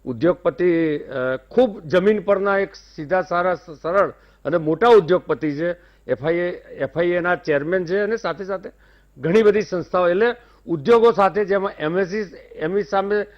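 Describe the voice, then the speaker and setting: Male debate panelist, Gujarati accent, formal and polite, slightly raised pitch, dull lo-fi remote line. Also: moderate pace. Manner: formal, courteous, praising. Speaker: debate guest, industry-side panelist. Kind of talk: measured debate commentary.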